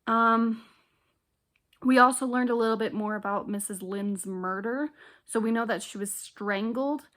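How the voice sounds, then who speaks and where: A woman's voice: a little high, unhurried, fairly bright tone. A young woman vlogging casually from her bedroom, chatty and giggly as she thinks aloud. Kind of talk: casual chat.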